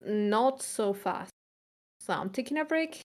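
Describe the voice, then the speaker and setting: A woman's voice: mid-range voice, animated, slow. A young woman from Chile co-hosting a podcast, talking casually and reflectively, with frequent fillers and restarts. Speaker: podcast co-host.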